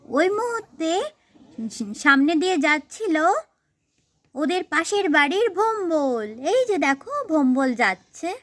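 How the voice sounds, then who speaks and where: A woman's voice: very high-pitched, expressive, a little slow, a bit bright, no room sound. A woman narrating a doll-play story, addressing viewers as friends.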